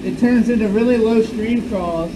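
A man's voice: high-pitched, moderate pace. A young man crawling through a wet cave, chatting casually and calling out what he finds. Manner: excited, calls out finds. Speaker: cave explorer filming himself. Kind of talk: casual chat while caving. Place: inside a wet cave with a stream. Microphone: helmet-mounted action camera. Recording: noisy cave recording.

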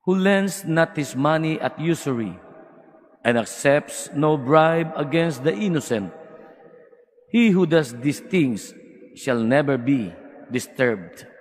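A man's voice: fairly high pitch, lively intonation. A man reading scripture solemnly as a lector, phrase by phrase, in a large cathedral with long echo. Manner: deliberate, phrase by phrase.

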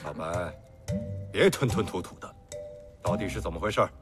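An actor playing a stern, authoritative martial-arts leader in a costume drama, speaking formally and with command. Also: male voice, low-pitched, animated, normal speed. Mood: impatient. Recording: music behind the voice.

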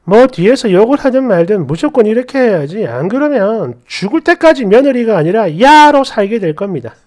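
A woman's voice: on the high side, normal speed. A woman narrating online posts and comments in a dramatized reading, acting out the quoted lines. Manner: expressive, acts out quoted lines. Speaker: story channel narrator.

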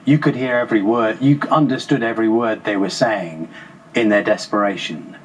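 A man's voice: lowish voice, moderate pace, distant mic, a little hiss or hum, low-quality recording. Man presenter, set back from the mic. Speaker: news presenter. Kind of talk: studio interview. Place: TV studio.

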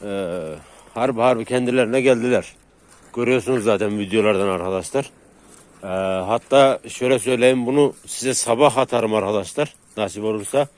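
A man's voice: mid-range voice, a little mellow. Man vlogging on a night dog walk. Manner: hesitant with many drawn-out fillers, soothing dogs in repeated calls. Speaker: vlogger walking street dogs. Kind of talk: casual vlog talk to viewers. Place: outdoors at night in a dark neighborhood street.

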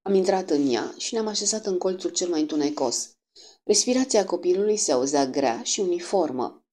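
A woman narrating an audiobook in a steady, measured storytelling manner. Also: on the low side.

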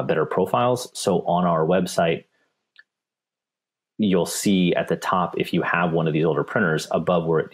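A man's voice: extremely low pitch, husky. A man, a technical specialist, answering viewer questions in a webinar, with frequent repeats and restarts. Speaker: paper company technical specialist.

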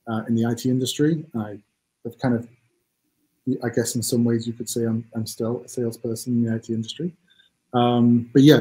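A Mancunian man in his forties speaks as an interview guest over a webcam call. His voice is dark and mellow, and he talks casually, hesitantly and with self-deprecating asides. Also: mid-range voice, low-quality recording. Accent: Mancunian English. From England. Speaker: CEO guest. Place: home office room. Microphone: video call webcam.

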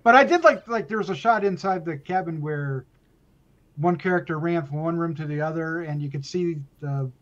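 A man's voice: a little high, moderate pace, a bit bright, lo-fi sound. A man on a film review panel, amused and laughing often as he talks. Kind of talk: casual podcast film discussion.

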